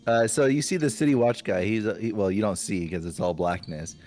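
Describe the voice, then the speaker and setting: A man narrating as game master of a tabletop role-playing session, chatty and quick. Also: lowish voice, darkish tone, faint music behind.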